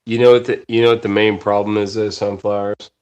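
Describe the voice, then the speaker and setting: A man pushing fifty rambles through a casual podcast chat, swearing freely and tripping over his own restarts. His voice sits fairly low. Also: little pitch movement, brisk, a little mellow, smooth, muffled recording. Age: 40s. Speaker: podcast host.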